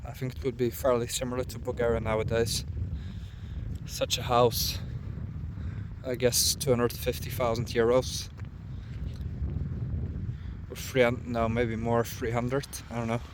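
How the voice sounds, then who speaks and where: A young man vlogging while walking outdoors through a small town, musing aloud in a relaxed, casual way. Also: medium pitch, unhurried, long pauses, background noise. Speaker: travel vlogger. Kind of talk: casual walking vlog narration.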